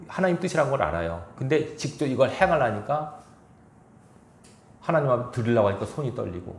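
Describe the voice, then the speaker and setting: In an echoey church sanctuary with slight background noise, a male pastor with a gravelly, fairly low voice reads scripture. He then presses his congregation with rhetorical questions.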